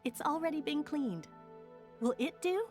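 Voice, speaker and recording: Gentle shop owner girl, kinda high voice, soft music behind. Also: expressive, unhurried. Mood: gracious. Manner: polite, gentle. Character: young female shop owner, gracious and grateful. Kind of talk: game cutscene voice acting.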